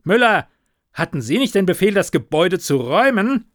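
A man voicing a bossy male police superior who gives curt, loud orders. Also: high voice, big pitch swings, normal speed, no echo, clean studio sound, pitched above the performer's own voice. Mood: barking.

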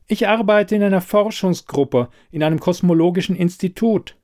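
A man's voice: high-pitched, lively intonation, normal speed, a little mellow, voice pushed up. A man reading an audiobook and voicing a flustered woman scientist who stammers and hesitates. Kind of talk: audiobook character voice.

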